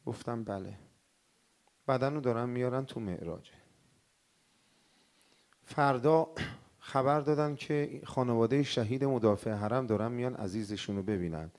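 A male cleric telling a mournful story in a sermon, swinging from hushed words to crying out. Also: mid-range voice, pauses often. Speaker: cleric preacher.

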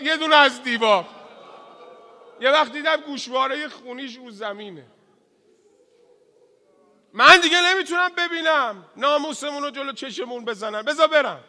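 A man with a high, strikingly bright and piercing voice delivers a mourning sermon. He moves between loud wailing cries and hushed grieving murmurs. Long reverb trails after his words in the hall. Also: creaky. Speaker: religious eulogist.

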